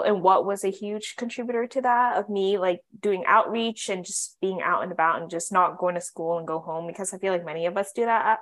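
A woman's voice: mid-range voice, fairly bright tone. A young woman in her twenties co-hosting a student podcast in casual chat, chatty and emotional, laughing often.

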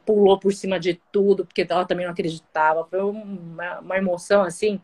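A woman guest telling her story in a casual online conversation, in an animated way. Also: on the low side, fast talker. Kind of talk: casual video-call conversation.

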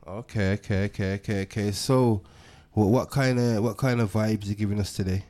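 A man's voice: on the low side, fairly even intonation, fairly quick, mellow. A man with a London accent hosting a show as DJ, chatting casually in street slang. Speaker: radio show host and DJ.

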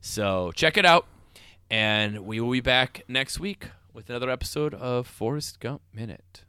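A man's voice: medium pitch, unhurried, sharp tone, smooth, dry recording. A man hosting a casual podcast, joking with his co-hosts and reading plugs loosely with fillers. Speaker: podcast host.

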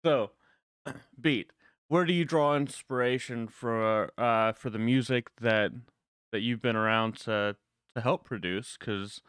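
A man asks questions in a relaxed podcast chat over voice chat, laughing easily. His voice is smooth and clear, recorded dry and close. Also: medium pitch, no echo. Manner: interviewing, quick to laugh. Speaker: co-host. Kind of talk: casual chat. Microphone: voice chat headset.

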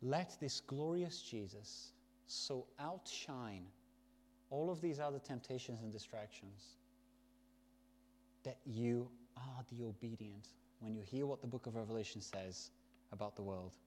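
A man preaching a sermon, stressing words loudly and dropping to soft, hushed endings. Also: medium pitch, a little hiss or hum.

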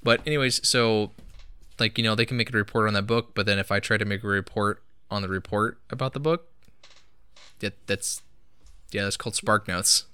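A wisecracking man co-hosting a casual chat, his voice a touch low but bright and forceful. His tone is crisp and smooth, recorded dry and close with no room sound. He slips deadpan jokes into the talk. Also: moderate pace, no room sound. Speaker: podcast co-host.

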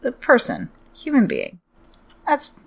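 A woman's voice: fairly high pitch, wildly swooping pitch, slow pace, creaky, fairly bright tone. A woman co-hosting a podcast, reacting and asking questions in casual conversation. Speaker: podcast co-host.

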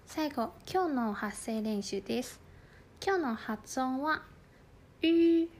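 A woman teaching phrases in a language lesson, explaining slowly and carefully, with stressed example words. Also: a little high, expressive.

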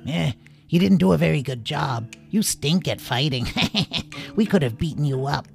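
A man voicing a gang of cheeky hobgoblins with a high, teasing, sing-song manner in a storybook reading. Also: expressive, measured pace, vocal fry, faint music behind. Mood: taunting. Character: cheeky squeaky hobgoblin gang, mocking and pompous.

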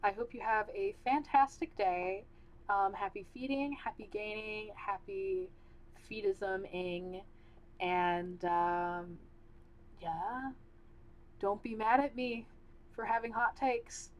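Speaking slowly at medium pitch, with the highs cut off in the audio, a young woman runs her own casual podcast. Her candid, rambling talk is packed with fillers and restarts, and she's losing her voice.

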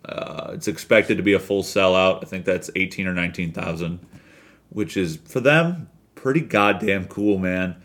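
A man co-hosting a podcast, chatting casually about pro wrestling in an animated, rambling way with the odd swear. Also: deep voice, normal speed. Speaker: podcast co-host.

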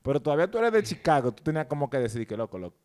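A man's voice: fairly high pitch, big pitch swings, rapid-fire, a little mellow. A man with a Dominican accent chatting casually in a sports debate, slangy and dropping English words into his Spanish.

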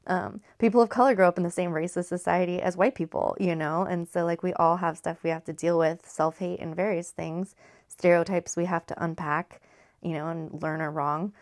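A woman's voice: fairly low pitch, steady tone, normal speed, dry recording, studio quality. A woman in her thirties chatting casually as a podcast host and recapping a movie, talking in a chatty, profane way with lots of filler words. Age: 30s.

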